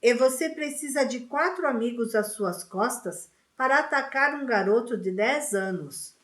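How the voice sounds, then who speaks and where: A woman voicing a sarcastic, defiant teenage boy wizard, low and threatening when angry, in a storybook reading. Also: unhurried, a bit bright, echoey room.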